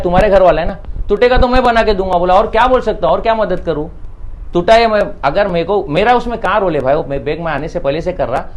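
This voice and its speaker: A man's voice: fairly high pitch, poor audio. Insistent man with a Mumbai accent. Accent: Mumbai Hindi. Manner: emphatic, insistent, repeats himself. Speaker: interviewee answering allegations. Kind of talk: heated on-camera statement.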